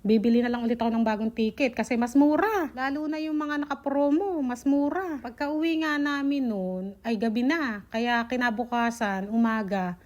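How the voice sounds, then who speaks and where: High-voiced woman telling a travel story. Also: normal speed. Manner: animated, quotes people in her retelling. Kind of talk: casual storytelling to viewers.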